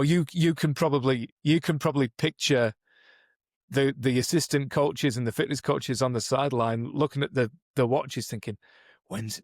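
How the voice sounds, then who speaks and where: A performance coach co-hosting a podcast talks about his coaching methods, thoughtful and conversational, restarting often and saying "you know" a lot; English is his first language. His pitch is medium, and the studio sound is clean and dry.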